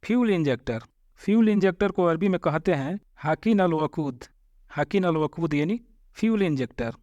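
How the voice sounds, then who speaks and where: A man giving a vocabulary lesson, addressing his viewers as friends and saying each word slowly and more than once. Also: on the high side, animated, a little mellow, dry recording, highs cut off. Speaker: Arabic teacher.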